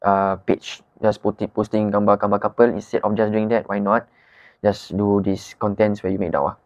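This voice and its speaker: Low-voiced man, Malay-English slang. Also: flat delivery, fairly quick, no room sound, muffled recording. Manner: colloquial Malay-English slang mix with "lah" particles. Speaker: guest, wedding photographer. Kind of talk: casual podcast conversation.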